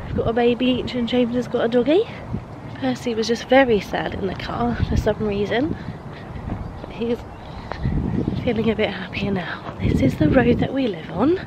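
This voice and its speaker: A young woman chatting casually in a vlog, her voice croaky and bunged up from a cold. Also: fairly high pitch, normal speed, dull audio, very noisy. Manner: chatty, softly sing-song baby talk. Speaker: vlogger. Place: outdoors, walking along a road. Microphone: handheld camera.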